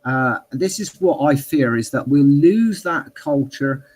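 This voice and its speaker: A man's voice: medium pitch, animated, takes it slowly, a little mellow. A man speaking emphatically and earnestly in a political discussion.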